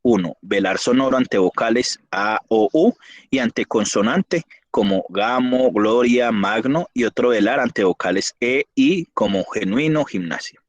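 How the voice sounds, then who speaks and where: A man teaching an online class, reading spelling rules and slowly spelling out example words. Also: medium pitch, animated, no room sound, muffled recording.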